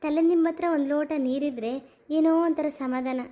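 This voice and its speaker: A woman's voice: high-pitched, steady tone, fairly quick, mellow, lightly acted. A woman voicing a bossy, complaining elderly mother-in-law in a cartoon comedy, with whiny sighs. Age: older.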